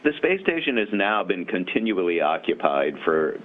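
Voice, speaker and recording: Deep-voiced man over a thin radio link. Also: very animated. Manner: measured, clearly framed questions. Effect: space-to-ground radio link. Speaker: magazine interviewer. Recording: thin phone-like radio line.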